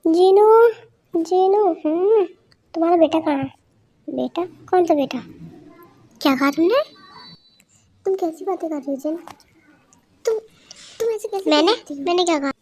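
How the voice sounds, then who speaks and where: A woman with a high, slightly mellow voice reads a fan story as an amateur audio drama. She voices every character, switching between them quickly and humming a lot.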